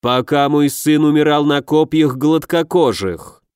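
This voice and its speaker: A man voicing a furious dog-headed senior legate who speaks in slow, low, growling threats. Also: darkish tone, clean tone, no room sound, clean studio sound, lightly acted. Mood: menacing.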